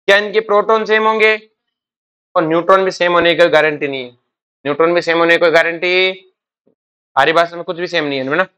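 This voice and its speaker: With a high voice and a fairly bright tone, a male chemistry teacher lectures his class. He quizzes them over and over, answering his own questions and calling the students "beta".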